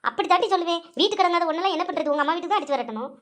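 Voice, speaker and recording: A woman's voice: extremely high pitch, animated, very fast, a bit bright. A woman voicing a quarrelsome older mother-in-law who scolds and bickers. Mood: quarrelling. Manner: bickering, scolding, self-pitying. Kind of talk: cartoon voice acting.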